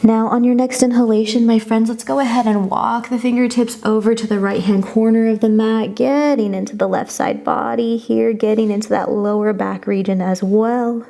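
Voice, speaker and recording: A woman's voice: fairly high pitch, fairly even intonation, moderate pace, gravelly, hardly any pauses, dark tone. A woman yoga instructor guiding a class through poses in an encouraging, reassuring and informal way.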